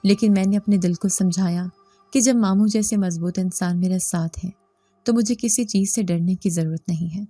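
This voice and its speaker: A woman calmly and steadily reading a horror story aloud in the first person. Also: mid-range voice, no room sound, faint music behind. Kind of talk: scripted horror story narration.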